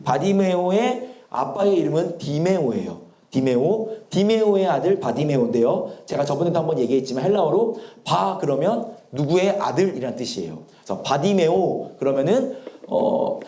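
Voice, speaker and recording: Man preaching, sore throat, lively storytelling, higher voice, reverberant church. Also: moderate pace. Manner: explanatory, animated storytelling. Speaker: pastor. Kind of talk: sermon. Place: church sanctuary. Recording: echoey church hall.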